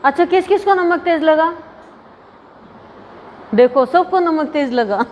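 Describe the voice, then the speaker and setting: A woman's voice: on the high side, darkish tone, highs cut off. Chatty woman preacher in a hall. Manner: homely, chatty, laughs at her own stories. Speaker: spiritual preacher. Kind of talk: devotional discourse with anecdotes. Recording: reverberant hall, faint ambient noise.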